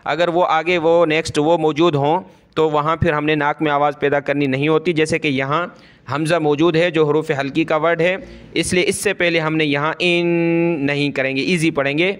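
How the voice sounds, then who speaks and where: A man teaching Quran reading, spelling each syllable by its letters and vowel marks, then reciting the word slowly, with brisk explanations in between. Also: fairly high pitch, little pitch movement, a bit bright, smooth. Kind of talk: step-by-step Quran reading lesson.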